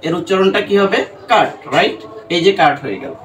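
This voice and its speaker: A man's voice: sits high, big pitch swings, a little fast, a bit bright. A man teaching English pronunciation to students in a lesson, who keeps asking questions and answering them himself. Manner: asks questions and answers them himself, repeats "right?" and "dekho". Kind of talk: classroom-style lesson addressing students. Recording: faint background noise, a bit distant from the mic.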